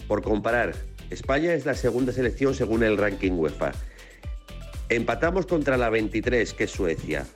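A man's voice: medium pitch, sing-song, moderate pace, soft background music. A man calling in to a sports radio show, making a methodical point with rankings. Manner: methodical, comparing stats. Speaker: caller. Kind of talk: call-in comment.

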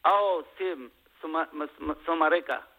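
A man's voice: fairly high pitch, steady tone, a little slow. A man voicing a shy young Romanian footballer who stammers in broken Spanish with a foreign accent over a phone line. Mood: eager. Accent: foreign, put-on Romanian. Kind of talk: prank phone interview. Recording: muffled lo-fi radio phone line.

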